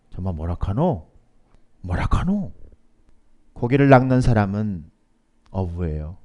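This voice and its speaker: Male pastor preaching, goes quiet then builds up loud, gets the congregation to say lines back. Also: mid-range voice. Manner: swings between soft asides and loud emphatic rises; asks the congregation to repeat lines aloud. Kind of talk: sermon.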